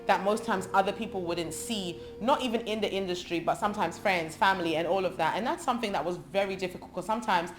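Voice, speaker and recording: Speaking quickly with few pauses in a medium-pitched voice, a woman in her thirties from England discusses her life as a gospel singer in an interview. She's thoughtful, lists things with frequent ums, and music plays underneath her.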